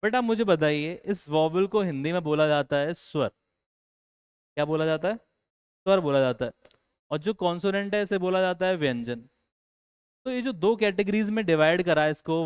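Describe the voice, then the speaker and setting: A man's voice: on the high side, clean tone. A man teaching English in a classroom lecture, asking the students questions and then answering them himself.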